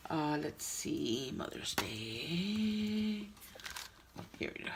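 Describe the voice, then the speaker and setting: A craft channel host walks through a card-making tutorial, chatting as she explains each step. Her voice is fairly low-pitched yet fairly bright, nasal from a cold, with slight background noise.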